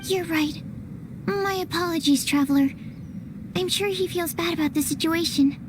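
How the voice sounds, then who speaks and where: In animated game dubbing, a woman voices a timid, earnest young alchemist who is hesitant, polite and apologetic, using formal phrasing with an air of polite concern. Her voice is very high and moderately paced. The recording has a clearly noisy background.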